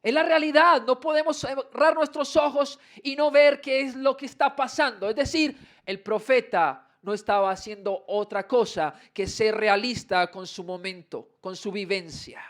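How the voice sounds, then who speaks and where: A pastor with a high-pitched male voice preaches in church. He asks his listeners questions, then reads scripture slowly with building emphasis. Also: steady tone, fairly bright tone. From Colombia. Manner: preaches with rhetorical questions to the congregation. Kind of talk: sermon. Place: church sanctuary.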